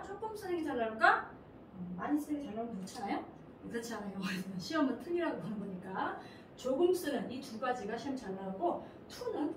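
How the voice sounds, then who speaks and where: A high, lively woman teacher whose voice leaps up and down as she drills her class in a sing-song chant. She sounds set back from the mic in a roomy space with a faint hiss of background noise. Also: far from the mic. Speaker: English teacher. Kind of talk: animated grammar lesson with chanted word lists.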